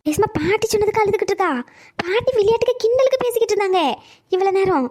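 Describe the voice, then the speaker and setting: Cartoon mother, middle-aged and gentle, put on by a woman; raised pitch, quick, reasoning, consoling. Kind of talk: cartoon voice acting.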